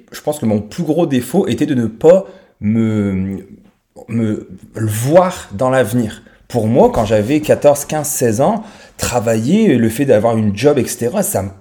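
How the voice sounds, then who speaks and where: The speaker is a French-accented man in his thirties from France, hosting a podcast. He uses a warm, mid-range voice while talking informally and without a script, directly to whoever is listening.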